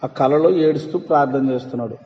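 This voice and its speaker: A man's voice: mid-range voice, fast. A man preaching a sermon as pastor, emphatic and quizzing his congregation with questions. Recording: echoey hall, muffled lo-fi sound.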